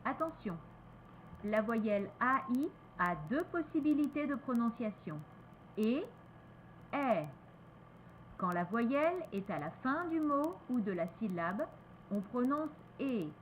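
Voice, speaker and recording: Slow, lively French-accented woman teacher. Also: fairly high pitch, slight background noise, low-quality recording. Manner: repeats each word slowly, switches between French and English. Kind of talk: slow, careful pronunciation lesson.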